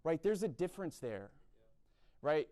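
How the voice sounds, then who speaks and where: A young East Coast American man speaks at a university chapel event in a blunt, sermon-like style, often checking in with "right?". His voice is fairly high, with big pitch swings, and his unhurried delivery sounds mellow.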